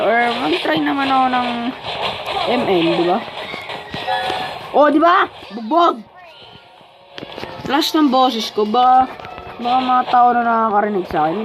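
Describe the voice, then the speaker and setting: A woman's voice: on the high side, rough recording. A woman chatting playfully as she comments on her own mobile gameplay. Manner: playful, chatty, self-talking while playing. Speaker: gaming vlogger.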